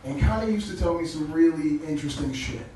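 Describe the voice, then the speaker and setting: A man doing a crude, casual stand-up set, chuckling at his own punchlines. His voice sits a little high for a man and comes through low-quality stream audio. He sounds far from the mic in a very echoey club, with plain hiss underneath. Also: fairly quick, dark tone. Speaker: stand-up comedian. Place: small comedy club stage.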